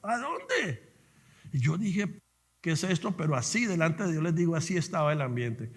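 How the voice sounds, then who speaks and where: A middle-aged man preaching a sermon in church, telling his story with animated fervor. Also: on the high side, a little fast, in a large hall. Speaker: pastor. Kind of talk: sermon with personal testimony.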